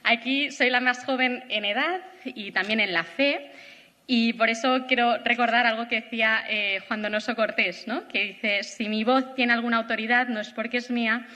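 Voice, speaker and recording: A thirty-year-old woman speaks from a stage in a large auditorium, her talk earnest and reflective. Her voice sits high and bright. The hall adds a long reverb. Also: fairly even intonation, normal speed. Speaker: conference speaker. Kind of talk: prepared lecture.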